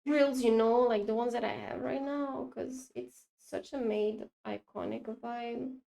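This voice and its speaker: A young woman streaming while she draws, chatting casually to her viewers in a rambling, excitable way that keeps breaking off mid-sentence. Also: a little high, unhurried, creaky. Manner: rambling, self-interrupting, excitable.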